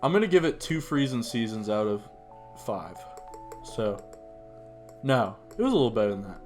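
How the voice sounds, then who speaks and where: A man's voice: medium pitch, big pitch swings, normal speed, darkish tone. A man, a bit drunk, joking his way through beer ratings in loose banter with friends. He rambles and laughs at his own jokes. Faint music plays behind him. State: tipsy. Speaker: co-host rating beers.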